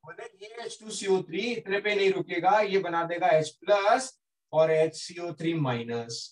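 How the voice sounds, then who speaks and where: A man teaching a classroom lesson, turning it into a story and asking students to confirm they follow. His voice is high. He sounds distant from the mic in the room. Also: measured pace. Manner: lively, keeps checking with students. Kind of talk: classroom lecture told as a story.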